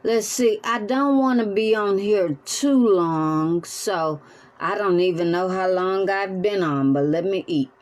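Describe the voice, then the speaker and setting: A woman's voice: mid-range voice, unhurried, a little mellow. A woman mukbang vlogger talking to camera from her room as she eats, giving preachy advice with religious asides. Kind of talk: casual talk to camera while eating.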